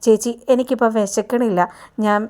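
A woman's voice: a little high, fairly even intonation, brisk, warm tone, natural voice. A woman voicing a timid, tearful young college girl explaining her trouble. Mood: plaintive. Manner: plaintive.

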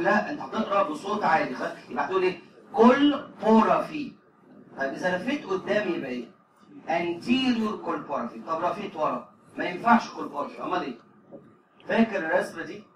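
Egyptian man lecturing, high voice, fast, echoey hall, distant noisy recording. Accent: Egyptian Arabic. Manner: drills pronunciation, asks questions and answers them himself. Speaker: medical lecturer. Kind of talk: classroom lecture. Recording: echoey hall, distant mic, audible noise.

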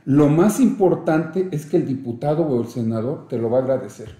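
A man's voice: mid-range voice, animated, a little fast, dark tone, reverberant. A middle-aged man with a Mexican accent, a judge speaking as an interview guest, emphatic and lecturing with rhetorical questions. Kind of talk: conversational interview.

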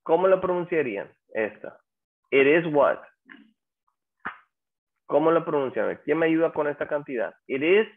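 A man teaching an English class, drawing out his example words slowly and coaxing students to answer. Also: a little high, lively intonation. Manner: slow, drawn-out English examples. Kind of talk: online class lecture. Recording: tinny phone-like audio.

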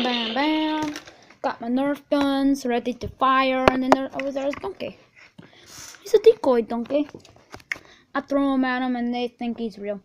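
A woman's voice: high voice, a little hiss or hum. A woman playing a jumpy, childlike male ogre in a homemade role-play vlog, calling everyone donkey. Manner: playful, calls everyone donkey. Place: outdoors at night, then indoors at home. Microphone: handheld video camera.

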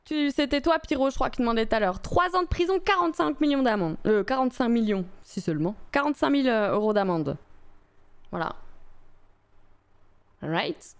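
Chatty woman streamer, smooth voice. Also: fairly high pitch, animated, fairly quick. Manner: chatty, rambling with many fillers, greets chat viewers. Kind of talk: casual live-stream chat.

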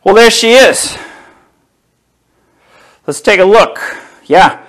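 Slow-talking man unboxing in his garage. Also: high voice, animated, a bit bright. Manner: slow, easygoing, talks while handling parts. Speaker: home car builder. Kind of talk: casual unboxing commentary. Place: home garage workshop, indoors.

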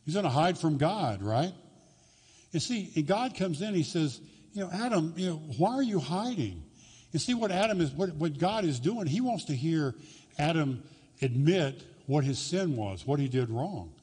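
A man's voice: a little high, lively intonation, normal speed, darkish tone, slightly rough. A man preaching a conversational sermon in a church, often acting out quoted voices. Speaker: pastor. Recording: long reverb in a church hall.

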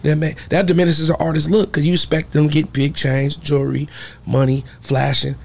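A young man from Kansas speaks candidly into a studio mic. His voice is gravelly and husky, a bit high-pitched. He restarts his sentences as he reflects. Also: level tone, brisk, a little mellow. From Kansas, USA. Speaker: guest artist. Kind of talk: casual interview talk. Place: podcast studio. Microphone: studio mic on boom arm.

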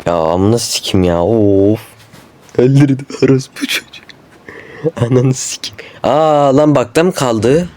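A man cursing nonstop as he plays a horror game, yelling in panic when chased. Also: medium pitch, a little slow. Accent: Turkish. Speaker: gamer. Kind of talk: horror game let's play commentary. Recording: noisy home mic recording.

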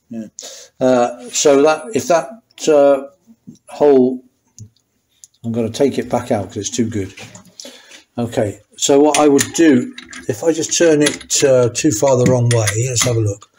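A man's voice: mid-range voice, a little mellow. An older man explaining motorcycle engine work step by step, thinking aloud as he goes. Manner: thinking aloud, restarting sentences while working. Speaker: motorcycle mechanic. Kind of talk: hands-on workshop tutorial. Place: small garage workshop, indoors.

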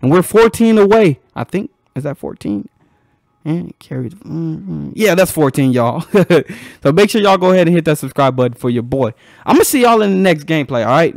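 A young man casually commenting on his own gameplay as a channel host, excitable and slangy, laughing often. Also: a little high, no room sound, clean studio sound.

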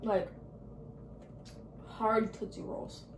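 Relaxed woman trying snacks off-mic. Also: extremely slow, noisy background. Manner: relaxed, hesitant, plenty of likes. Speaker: co-host tasting snacks. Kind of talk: casual unboxing taste test. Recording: echoey room, mic far off.

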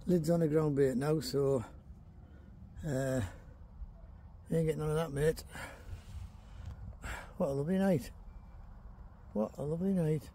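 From a riverbank at night, a Teesside man vlogs about angling in a casual, colloquial style. His fairly high, warm voice stays steady, he speaks unhurriedly with long pauses, and the camera or phone recording carries a little hiss or hum.

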